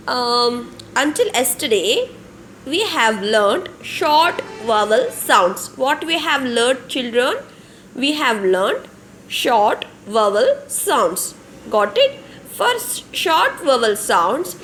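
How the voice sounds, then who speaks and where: A young woman with an Indian English accent teaching a phonics lesson online to small children, slow and repetitive, often asking questions and answering them herself. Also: a little high, a bit bright, a little hiss or hum. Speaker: kindergarten teacher.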